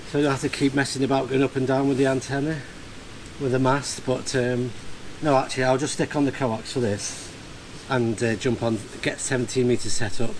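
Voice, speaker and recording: Here a man, an amateur radio operator vlogging, casually narrates a hands-on task while hesitantly thinking out loud. He speaks at medium pitch, in the field and inside a barn, and the low-quality recording picks up clear ambient background noise.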